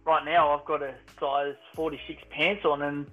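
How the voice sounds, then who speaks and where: Casting: Australian male, blokey tradie manner, higher-set voice, casual chat over muffled narrow-band audio. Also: flat delivery, normal speed, faint music behind.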